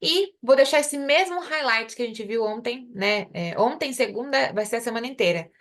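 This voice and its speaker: A young adult woman with a Brazilian Portuguese accent teaches English live online, explaining in Portuguese and saying the English examples slowly and deliberately. Her voice is a little high, somewhat bright, and expressive.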